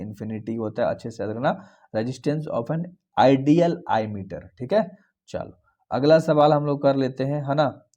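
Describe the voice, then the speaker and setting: Dark-voiced Bihari man teaching exam answers. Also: mid-range voice. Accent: Bihari Hindi. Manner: repetitive, coaxing, calls students darlings. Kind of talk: exam question walkthrough. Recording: dull lo-fi recording.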